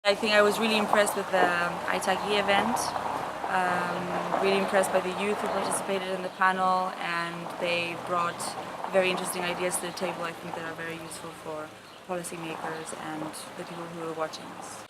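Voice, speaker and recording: A woman's voice: fairly low pitch, monotone, fairly quick, very noisy. A woman in her twenties from Spain, answering interview questions earnestly as a summit participant. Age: 20s.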